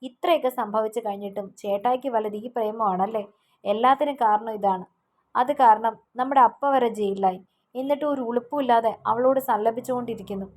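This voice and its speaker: A woman voicing a young sister in an audio novel, scolding her brother with sharp words. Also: fairly high pitch, brisk, lightly acted.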